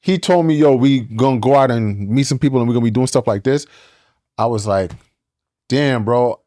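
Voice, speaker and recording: A man in his forties, a podcast guest, telling stories in a relaxed, slangy, conversational way. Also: mid-range voice, moderate pace, no echo, studio quality. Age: 40s. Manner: laid-back, storytelling with slang. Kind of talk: casual chat.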